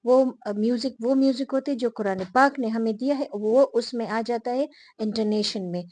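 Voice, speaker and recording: A woman teacher explaining a lesson to her viewers, repeating the key terms slowly and pausing often with fillers. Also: fairly high pitch, a little mellow. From Pakistan.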